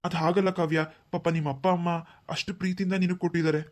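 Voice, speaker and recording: A woman's voice: on the low side, fairly even intonation, a little mellow, lightly acted. A woman voicing a poor, selfless older brother in a cartoon who soothes his sister. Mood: soothing. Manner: soothing, fatherly, quick reassurance. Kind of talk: cartoon voice acting.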